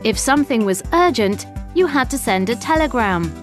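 A woman reading scripted documentary narration in a measured, clearly enunciated way. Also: fairly high pitch, expressive. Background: background music.

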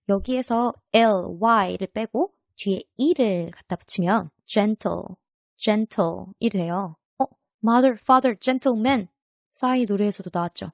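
A woman teaching English vocabulary on a podcast, lively and chatty, asking her students questions and then answering them herself, spelling words out letter by letter. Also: mid-range voice, no echo.

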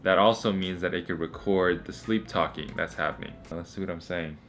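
A man's voice: low voice, a little fast, a bit bright. A young man talking casually to camera as a vlogger. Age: young adult. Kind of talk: casual vlog chat.

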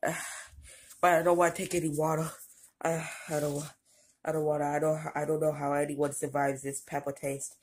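A woman vlogging casually while in burning pain from a hot pepper, stammering and halting with many fillers. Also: deep voice, flat delivery, darkish tone, a little hiss or hum. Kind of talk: casual vlog.

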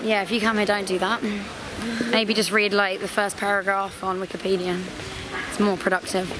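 A woman's voice: mid-range voice, flat delivery, moderate pace, background noise. A young British woman chatting casually and wryly into a handheld camera as she travels. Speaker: travel vlogger. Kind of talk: casual travel vlog chat. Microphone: handheld camera at arm's length.

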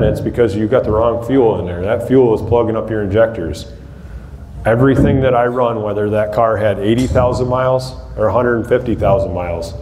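A demolition derby builder gives a casual seminar to a small audience in a large indoor hall lined with rows of empty chairs. He is plainspoken and practical, with frequent ums and restarts, and his voice is low and a little mellow. A far camera across the room picks him up, and the hall is echoey with faint background hiss.

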